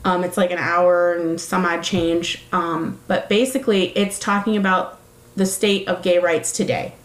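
A woman's voice: lowish voice, flat delivery, unhurried, reverberant, rough recording. A woman talking casually, rambling with many fillers and correcting herself as she goes. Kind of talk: casual chat.

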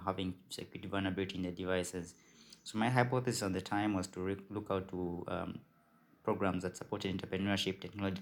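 Casting: male, Ugandan accent, low voice with little melodic movement, formal, thorough self-introduction. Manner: formal, detailed. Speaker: podcast team lead.

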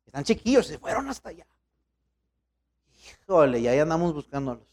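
A man's voice: fairly high pitch, sing-song, a little fast, a little mellow. A man, a pastor preaching a sermon in a colloquial, storytelling way.

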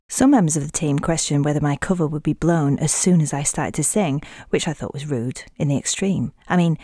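A Yorkshire woman narrates a detective audio drama with wry, self-mocking humour. Her voice sits low and gravelly, with a husky edge and a mellow tone. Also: no echo.

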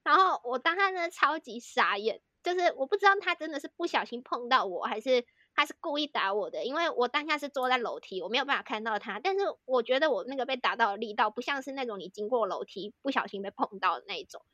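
A young Taiwanese woman tells a long story in rapid, chatty Mandarin, her Taiwanese accent plain and her sentences stitched together with fillers. Her voice sits a little high, and the recording is close and dry with no room sound. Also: lively intonation, pushed and bright, dry recording, muffled recording. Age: young adult. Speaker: podcast co-host, student in Korea. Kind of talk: casual storytelling chat.

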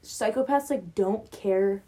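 A young woman co-hosting a casual podcast, chatty and quick to laugh. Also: medium pitch, mellow. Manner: chatty, laughs often, says "literally" a lot. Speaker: podcast co-host. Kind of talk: casual chat.

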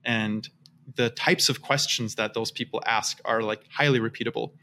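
A man's voice: medium pitch, steady tone, normal speed, bright, forceful tone, a little hiss or hum. A man in his thirties, from Austria and raised in the US, talking as a guest on a casual podcast interview, rambling with many restarts. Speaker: guest, startup founder.

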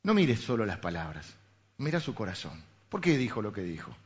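Rioplatense pastor preaching conversationally. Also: male voice, fairly low pitch, big pitch swings, a little fast, husky. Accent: Rioplatense Spanish. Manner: conversational preaching with rhetorical questions. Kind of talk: sermon. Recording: dull lo-fi recording.

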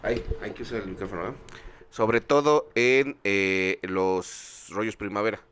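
A man's voice: on the low side, fairly even intonation, measured pace, fairly bright tone, clean tone. A Mexican man, a guest on a radio show, talking in a jokey, gossipy way and chuckling. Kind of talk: casual chat.

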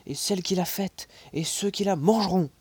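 Man doing a hot-tempered old professor, explosive shouting outbursts, husky voice, storybook character. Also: on the high side, steady tone, moderate pace, no echo. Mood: furious. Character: irascible elderly male professor. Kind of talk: audiobook character voice.

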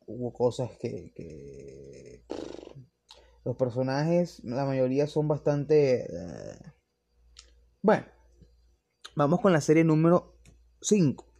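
A man's voice: mid-range voice, gravelly, a little mellow. A young man, reviewing series in casual, opinionated chat that rambles and restarts often.

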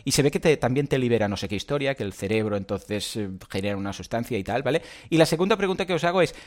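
A man hosting a live podcast chat, with a very lively pitch that swoops up and down. He talks in an animated way and breaks into loud, playful outbursts. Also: fast talker. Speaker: podcast host.

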